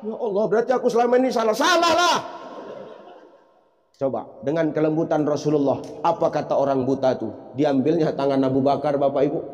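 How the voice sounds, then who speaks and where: A man's voice: on the high side, a little mellow, dull audio. Male preacher, a comic storyteller who acts out characters and sings, recorded live in a reverberant hall. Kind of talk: comedic sermon. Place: event hall at a religious gathering. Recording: echoey hall sound.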